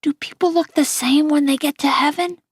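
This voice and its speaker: A woman voicing a gentle, tearful young boy who asks soft, pleading questions in a husky voice. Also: high-pitched, fairly even intonation, moderate pace, no echo, studio quality, voice pushed up, lightly acted. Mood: wondering.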